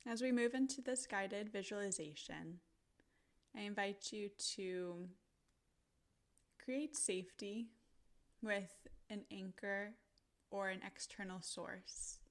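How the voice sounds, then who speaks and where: A woman with a mid-range voice guides listeners through a visualization, gentle and soothing, leaving deliberate pauses between short phrases.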